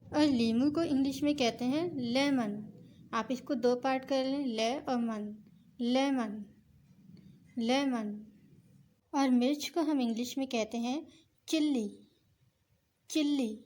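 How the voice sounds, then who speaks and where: A woman teaching vocabulary, saying each word slowly and carefully and repeating it several times. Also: high voice, a little mellow, a little hiss or hum. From Pakistan. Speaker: language teacher. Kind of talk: vocabulary lesson with repeated words.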